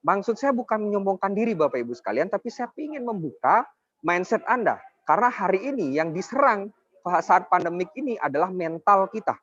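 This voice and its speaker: His voice is high, bright-ish and brisk, with big swings in pitch, as this twenty-something network marketing presenter works to persuade and motivate, regularly speaking to the audience head-on. The recording has no room sound and comes across dull and lo-fi.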